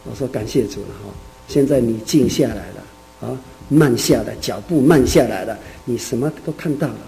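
A man, a church elder, preaching by telling a folksy story with drawn-out, chatty phrasing. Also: medium pitch, creaky, dark tone, poor audio. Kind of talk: sermon storytelling.

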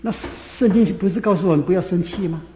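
A man's voice: high voice, quick pace, mellow, slight background noise. A man preaching a sermon, explaining scripture in a folksy way with frequent filler sounds. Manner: folksy Bible teaching with many "ah" fillers. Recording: echoey hall with faint ambience.

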